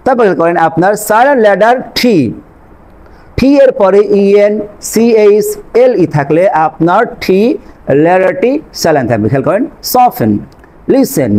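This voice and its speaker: Man, high-pitched voice, English teacher, patient, repetitive, answers his own questions. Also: expressive, moderate pace, a little mellow, rough recording. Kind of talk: spoken lesson on English pronunciation.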